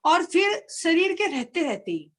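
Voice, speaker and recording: Woman, high voice, devotional scripture discussion, earnest explaining, repeats phrases, video call. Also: sing-song, a little slow, a bit bright. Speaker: discussion participant. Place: online group call.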